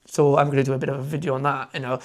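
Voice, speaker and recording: In this relaxed interview chat, a podcast guest who creates motoring content talks in a rapid-fire, rambling, eager way, full of fillers and false starts. He's a young man from Wales and a fluent Welsh speaker. His voice is mid-range with little pitch movement.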